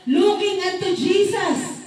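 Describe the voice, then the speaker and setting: A woman's voice: very high voice, slow. A young woman gives a church testimony and preaches, calling out amen to the congregation in a church hall. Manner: preacherly call-and-response with frequent amen shouts. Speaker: church speaker giving testimony. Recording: echoey hall from far off.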